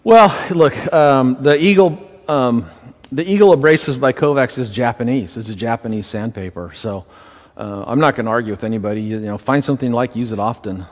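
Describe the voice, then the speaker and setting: A man's voice: mid-range voice, fairly quick. A middle-aged man teaching a live detailing class, answering questions in a direct, practical way with lots of "you know" and "look". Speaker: detailing instructor. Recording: reverberant room.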